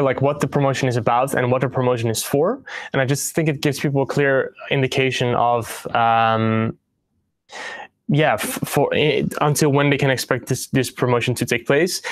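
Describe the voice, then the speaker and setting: Young male host, mid-pitched, halting delivery full of fillers, dry close sound. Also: dry recording. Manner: hesitant, frequent ums and restarts. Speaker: host of a partner news livestream. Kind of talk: presenting product updates to camera.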